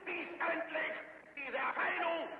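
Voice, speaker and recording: A man giving a shouted rally speech, heard on an old newsreel recording. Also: extremely high pitch, unhurried. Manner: shouting oratory. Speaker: rally speaker. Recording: echoey tinny old newsreel with loud hiss.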